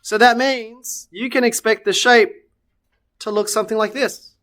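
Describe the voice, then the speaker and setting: Speaking at a moderate pace in a steady tone, a maths teacher with a slightly high voice takes students through a recorded lesson step by step. He raises questions and answers them himself while correcting his on-screen sketches out loud, soft clicks audible behind him.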